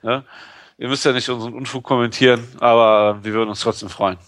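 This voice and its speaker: A man chats loosely on a podcast, joking and filling pauses with ums. His voice sits in the middle range and is recorded dry and close. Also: mid-range voice, fairly even intonation, fairly bright tone, no room sound. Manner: chatty, joking, full of fillers. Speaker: podcast co-host. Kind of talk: casual chat.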